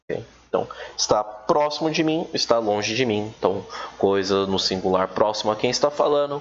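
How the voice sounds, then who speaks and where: A man giving a casual recorded English lesson, chatty and relaxed, stretching out his English examples slowly. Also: medium pitch. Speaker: English teacher. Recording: dull, lo-fi with faint noise.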